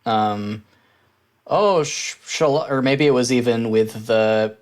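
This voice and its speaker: A man co-hosting a podcast, discussing a book casually, thinking out loud and adding dry joking asides. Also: medium pitch, slow. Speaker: podcast co-host.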